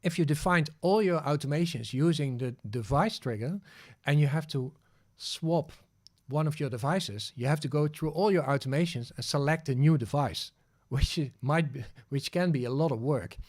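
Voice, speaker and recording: A Dutch man from the Netherlands, whose first language is Dutch, hosts a casual screen-share livestream tutorial. His voice sits a little high and a little mellow, at a moderate pace, as he thinks aloud with frequent fillers and restarts.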